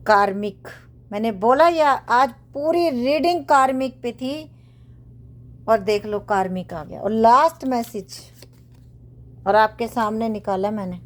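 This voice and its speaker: A woman's voice: a little high, a little slow. A woman giving a casual tarot reading for her viewers from her bedroom. She talks earnestly and preachily, repeats phrases, and mixes in English affirmations. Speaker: tarot reader. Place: home bedroom, cards spread on a bed.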